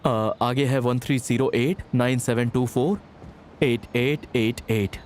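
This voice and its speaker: A man's voice: mid-range voice, steady tone, slow pace, a little mellow, a little hiss or hum, close to an everyday voice. An actor dubbing a playful young man who coaxes and pleads, in a dubbed drama. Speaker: dub actor.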